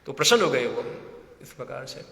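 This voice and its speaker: A man preaching a storytelling sermon in a temple hall, animated and acting out the voices of the people in his tale. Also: medium pitch, fairly quick, vocal fry. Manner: lively storyteller, acts out quoted voices, laughs often. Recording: echoey hall with long reverb.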